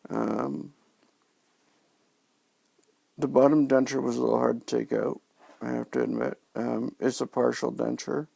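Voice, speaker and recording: A man talking in a casual video diary, halting and subdued as he recovers from oral surgery, his speech slightly impeded by new dentures and a sore mouth. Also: mid-range voice, flat delivery, gravelly, warm tone, slightly rough, no room sound. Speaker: vlogger sharing recovery from dental surgery.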